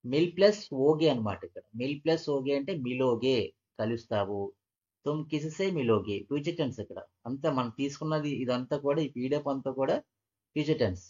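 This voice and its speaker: A man's voice: mid-range voice, a little mellow, husky. A man teaching a language lesson, patiently repeating each phrase and breaking it into parts. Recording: dull, muffled lo-fi audio.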